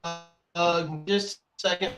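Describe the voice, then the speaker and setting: A man's voice: sits high, little pitch movement, unhurried, sharp tone, faint music behind. A man co-hosting a casual chat over a remote video call, his audio choppy and breaking up. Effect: choppy, glitchy video-call audio breaking up. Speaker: co-host.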